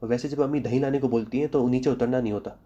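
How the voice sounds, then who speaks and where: A young man from Pakistan fires off sarcastic jokes at a brisk clip, his voice dark and mellow. He later turns to steady public health advice in the same quick delivery. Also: medium pitch, dull audio. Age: young adult. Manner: sarcastic rapid-fire jokes. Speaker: comedy vlogger. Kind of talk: comic monologue then public health advice.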